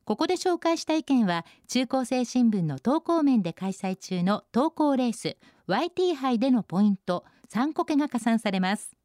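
Lively-voiced female radio host. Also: fairly high pitch, moderate pace, no room sound, clean studio sound. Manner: bright, chatty commentary on each post. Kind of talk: radio segment reading listener posts.

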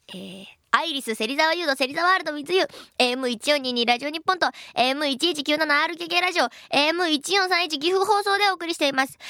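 Bubbly high-voiced young woman radio host. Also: a bit bright, no echo, clean studio sound. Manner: chatty, bubbly and self-deprecating. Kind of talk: casual radio talk reading listener mail.

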